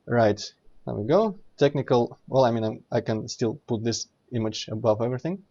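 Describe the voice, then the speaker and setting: A man's voice: mid-range voice, normal speed, warm tone, highs cut off. A man giving casual let's play commentary, explaining things in a rambling way and often correcting himself mid-sentence. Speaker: streamer playing and commenting.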